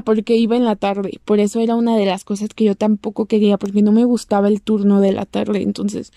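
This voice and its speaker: A woman's voice: dark tone, dry recording, studio quality. A young woman with a Mexican accent telling a personal story to the camera, chatty and acting out what people said. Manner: chatty, acts out quoted lines in a squeaky voice. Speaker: vlogger.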